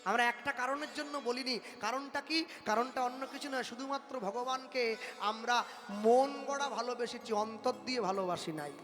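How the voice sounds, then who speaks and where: Male kirtan preacher, very high ringing voice, impassioned, rhyming cadence, reverberant hall. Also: moderate pace, a bit bright. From West Bengal, India. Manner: impassioned, declamatory, rhythmic rhyming delivery. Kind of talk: devotional sermon. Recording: reverberant hall with faint music.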